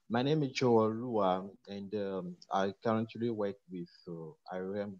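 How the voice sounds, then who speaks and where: Low-voiced man on a muffled call. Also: a little mellow, no room sound. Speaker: webinar participant. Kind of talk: polite self-introduction. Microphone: video call. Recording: dry, dull online call.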